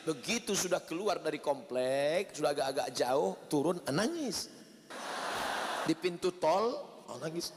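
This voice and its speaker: A man preaching a sermon, telling stories with lively delivery and acting out the people in them. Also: measured pace. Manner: animated storytelling, acts out quoted parents with shouts and high voices. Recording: long hall reverb, faint noise.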